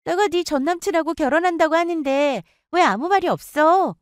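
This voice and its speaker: A woman's voice: very high-pitched, moderate pace, dry recording, studio quality, voice pushed up. A woman voicing a jealous, taunting young woman who gloats over stealing her friend's ex. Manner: smug, gloating and needling. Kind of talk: storytelling with acted dialogue.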